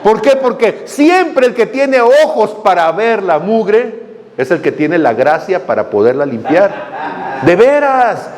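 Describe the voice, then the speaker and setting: A man's voice: sits high, big pitch swings, slow pace, a little mellow. A male pastor preaching a sermon, telling the story with humor and voiced quotes. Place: church hall. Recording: long reverb in a hall, faint noise.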